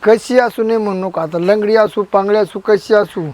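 A man's voice: high-pitched, fairly even intonation, normal speed, darkish tone, lightly acted. A man doing a rambling old village father. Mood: grumbling. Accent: rural Marathi. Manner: rambling, rustic village talk. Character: old village father seeking a bride for his son. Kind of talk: village comedy sketch.

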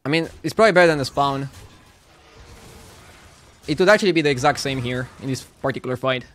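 A man's voice: medium pitch, fast talker, a bit bright, faint music behind. A male streamer giving casual, joking commentary while playing and chatting with viewers. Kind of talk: casual live gameplay commentary.

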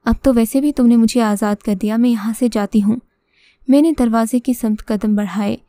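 A woman narrates a scripted first-person horror story with dramatic delivery. Her voice is mellow and slightly high, recorded dry and close. Soft music runs beneath her. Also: steady tone, no echo. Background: faint music.

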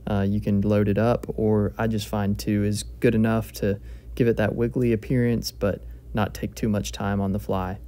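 At his fly-tying bench at home, an instructor walks through a hands-on tutorial calmly and methodically. His lowish voice is mellow and dark with very little variation in pitch, and he sounds relaxed and plainspoken at a normal speed.

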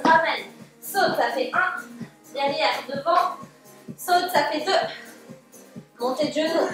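A high-voiced woman leads a home workout as a fitness coach, giving short, motivating instructions. She is recorded from across a very echoey living room, with music behind her. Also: recorded from a distance. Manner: motivating, calling out short commands and counts. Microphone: distant camera microphone.

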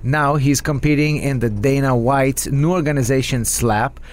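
A man co-hosting a podcast, introducing the guest in a halting way. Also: mid-range voice. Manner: slow, halting delivery. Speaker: podcast co-host. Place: podcast studio with red curtains. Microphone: headset and desk podcast mic.

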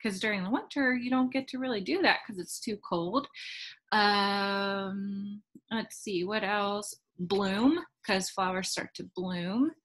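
A woman music teacher giving a patient lesson to her class, counting rhythms in syllables and often pausing with "um". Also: mid-range voice, fairly bright tone. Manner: patient, with frequent ums.

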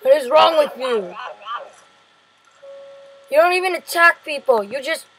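A woman with a high, bright-sounding voice talks through a video game at an easy, unhurried pace. She is excitable and yells at the creatures she meets. Soft game music plays faintly behind her. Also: rough recording. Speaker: gameplay commentator. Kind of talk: casual let's-play commentary.

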